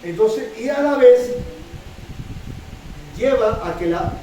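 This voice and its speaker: A man's voice: very high voice, expressive, takes it slowly, mellow, a little hiss or hum. A middle-aged man with a Chilean accent preaching a sermon to his congregation, repeating words, restarting often and checking in with "¿sí?". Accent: Chilean Spanish. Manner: repetitive, stammering restarts, frequent "¿sí?" to congregation. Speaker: pastor. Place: church hall. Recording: very echoey hall from far off.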